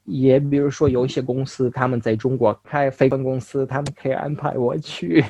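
A young man from Russia, a native Russian speaker, talks casually as an interview guest in foreign-accented Mandarin, halting and correcting himself. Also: medium pitch, steady tone, warm tone, a little hiss or hum. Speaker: interview guest, language learner.

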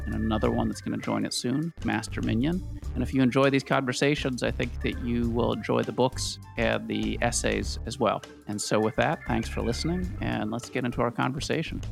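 A middle-aged man hosting a podcast, talking in a measured, reflective way. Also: medium pitch, creaky. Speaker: podcast host. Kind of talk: podcast interview.

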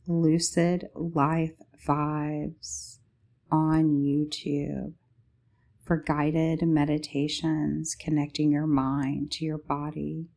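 A woman podcast host speaking softly and unhurriedly, in short paused phrases, like a sleep story narrator guiding a meditation. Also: low voice, creaky.

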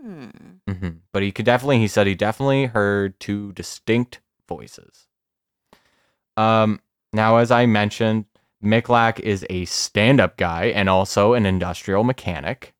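Male podcast co-host, low resonant voice, dry close mic, relaxed storyteller. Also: clean tone, no echo. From Canada. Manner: laughing, swearing storyteller, slows down for suspense. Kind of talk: casual storytelling chat.

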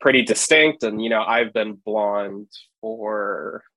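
A young man from Hawaii, a photographer guest, speaking in a relaxed, rambling way full of fillers. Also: on the low side, takes it slowly, no echo, rough recording. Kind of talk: casual podcast interview.

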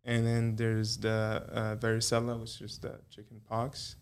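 A young man from Egypt, a pediatrician guest on a health podcast, answering questions in an unhurried, hesitant way with many fillers. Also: lowish voice, monotone, smooth. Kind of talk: conversational interview.

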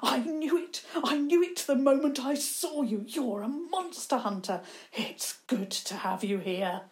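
A woman playing an excitable eccentric old man. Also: high-pitched, moderate pace, voice pushed up. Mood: urgent excited. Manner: enthusiastic, urgent, bustling.

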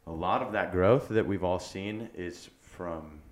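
A man's voice: low voice, unhurried. A young man co-hosting a podcast, talking in an earnest, rambling way full of "like" fillers. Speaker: podcast co-host. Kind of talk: casual chat.

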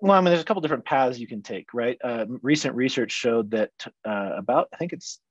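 A man's voice: mid-range voice, animated, a little fast, no echo, lo-fi sound. A man who works as a counselor, talking frankly and reflectively in a casual podcast chat.

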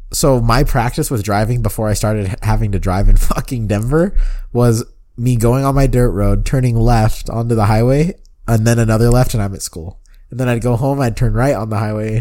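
A man's voice: mid-range voice, a little mellow. A young American man in casual chat, talking like a frat bro in loose slang with plenty of swearing. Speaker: podcast co-host.

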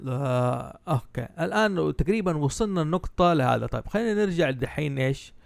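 A man hosts a casual chat in Hejazi Saudi Arabic, dropping in English words. He talks fast with a gravelly, creaky edge, recorded dry and close. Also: a little high, animated, no room sound. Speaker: host steering the conversation.

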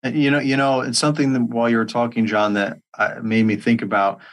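A man in casual podcast discussion, speaking haltingly and often correcting himself. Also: mid-range voice, level tone. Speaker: event organiser and content creator.

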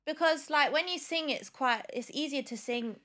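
A woman's voice: high-pitched, normal speed, sharp tone. Young woman with a Leicester accent, chatting. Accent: Leicester accent, English Midlands, with some London influence. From Leicester, English Midlands. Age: 20s. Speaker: guest, singer. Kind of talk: casual interview chat.

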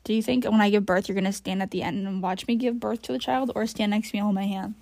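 A woman's voice: mid-range voice, fairly even intonation, fast talker, vocal fry, darkish tone. A woman co-hosting a podcast, chatting casually, teasing her partner and laughing often. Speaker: podcast co-host. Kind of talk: casual chat.

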